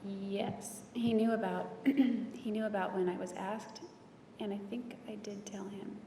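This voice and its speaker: A woman giving courtroom testimony, speaking softly and hesitantly from the witness stand. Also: mid-range voice, measured pace, a little hiss or hum. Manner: soft, flat and hesitant. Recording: distant, echoey courtroom audio with long reverb.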